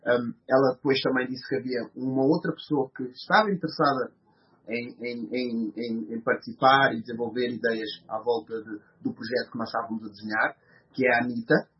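A man's voice: medium pitch, fairly even intonation, brisk. A man in his thirties with a European Portuguese accent, a guest answering interview questions hesitantly, with many fillers and restarts. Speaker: guest, podcast host. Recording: slightly muffled recording.

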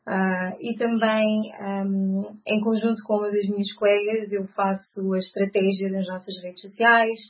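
A woman in her thirties with a European Portuguese accent, a guest answering interview questions with frequent pauses and fillers. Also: medium pitch, little pitch movement. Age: 30s. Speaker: guest, co-founder. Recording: slightly muffled recording.

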